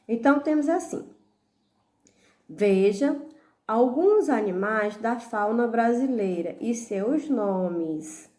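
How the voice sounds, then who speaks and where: A Brazilian woman speaks in a fairly high voice, slowly and patiently, as she goes through a school lesson. She sounds out each syllable and keeps checking that the children follow. Her voice carries the echo of a bare room. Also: expressive, darkish tone. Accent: Brazilian Portuguese. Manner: slow, patient, spells out syllables and letters one by one; checks in often with "tá bom?" and "né?". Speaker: primary school teacher. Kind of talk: recorded lesson, correcting homework.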